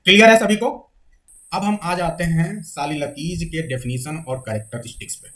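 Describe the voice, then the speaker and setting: This male literature teacher speaks on the high side, with lively intonation and a slightly bright quality. During his lecture he frequently checks for understanding and dictates definitions slowly for note-taking.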